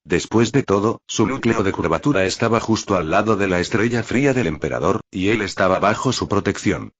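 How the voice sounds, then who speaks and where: A man narrating a light novel in an even, steady storytelling manner. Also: fairly low pitch, a little fast. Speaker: audiobook narrator. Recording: dull lo-fi recording.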